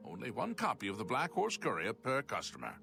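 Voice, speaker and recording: A man's voice: fairly low pitch, wildly swooping pitch, fairly quick, vocal fry, sharp tone, soft background music, full character voice. An actor playing a curt, matter-of-fact male townsperson in a fantasy video game.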